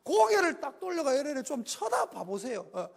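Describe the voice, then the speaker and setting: Animated Gyeongsang man preaching in a church hall. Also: very high-pitched, normal speed, vocal fry. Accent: Gyeongsang Korean. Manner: folksy, animated preaching with call-and-response prompts. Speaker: pastor. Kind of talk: Sunday afternoon sermon. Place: church sanctuary.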